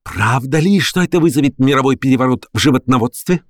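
A man voicing an unabashed young reporter who presses with smooth, pushy politeness. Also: medium pitch, fast, dry recording, studio quality, voice pushed up, close to an everyday voice. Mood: insistent. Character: persistent young male newspaper reporter, unabashed.

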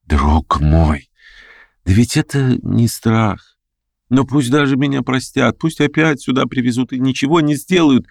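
A man's voice: mid-range voice, measured pace, creaky, dry recording, clean studio sound, voice pushed up. A man voicing a frightened, melodramatic aging scholar who pleads and whispers in fear, slipping into French. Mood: despairing.

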